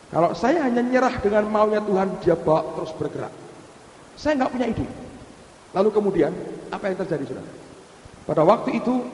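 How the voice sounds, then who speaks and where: A middle-aged man, a pastor, giving a sermon and telling a personal testimony to the congregation, addressing them directly as he talks. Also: high-pitched. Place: church hall. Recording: echoey hall with faint hiss.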